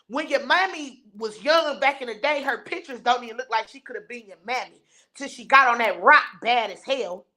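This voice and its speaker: A woman's voice: on the high side, normal speed, bright, forceful tone. A woman hosting a live stream, ranting bluntly and scornfully while reading and answering her viewers' chat. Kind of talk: heated live-stream rant.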